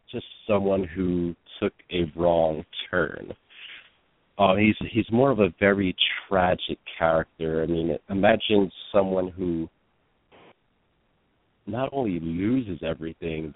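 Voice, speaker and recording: A man speaks as an interview guest, explaining his work in an earnest, searching way. His voice is very low-pitched. The sound is dry and thin, as if over a phone line. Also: no echo. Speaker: actor and producer guest. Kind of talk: interview answers.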